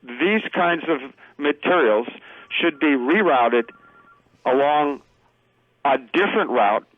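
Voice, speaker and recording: A man guest on a radio show, speaking over the phone in an earnest, halting way with many fillers. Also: fairly high pitch, expressive, no echo, phone-quality sound. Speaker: political candidate guest.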